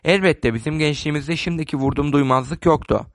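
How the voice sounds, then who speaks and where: A man's voice: on the high side, brisk, no echo, natural voice. A reserved, plain-spoken elderly lady with a faintly reproachful edge, read by a man. The sound is close and dry, an audiobook part.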